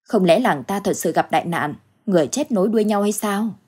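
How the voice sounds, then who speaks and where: A woman's voice: medium pitch, expressive, fairly quick, a little mellow, breathy edge. A woman doing a frightened old village man. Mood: anxious. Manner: anxious, pleading. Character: frightened elderly village man, worried husband. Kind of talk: storybook ghost tale acting.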